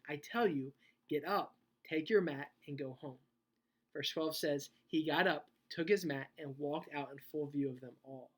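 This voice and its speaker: Woman youth pastor preaching, kinda low voice, chatty and animated, keeps asking "okay?". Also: breathy edge. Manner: casual, animated storytelling with frequent "okay?" check-ins. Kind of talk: youth sermon. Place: church youth service.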